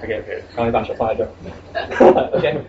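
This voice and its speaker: A man's voice: mid-range voice, fast talker. A young man in his twenties giving a casual live talk at a salon, hesitant with many fillers and dropping English words into his speech. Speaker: guest speaker at a salon. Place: event room before a small audience. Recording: muffled lo-fi live recording with steady background noise.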